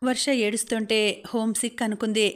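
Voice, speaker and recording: A woman's voice: a little high, flat delivery, moderate pace. A woman narrating a novel as an audiobook, reading steadily and evenly. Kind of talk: scripted narration.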